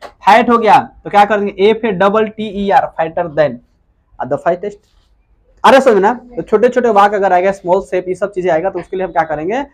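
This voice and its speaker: A man teaching English grammar in a classroom-style lecture, who keeps asking questions and answering them himself and repeats key words slowly. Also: high voice.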